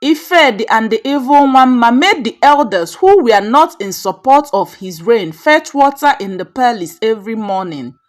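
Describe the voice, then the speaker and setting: Reading a folktale from a script, a Nigerian woman tells the story in a measured, dramatic storyteller's way. Her fairly high voice is animated and swings widely in pitch.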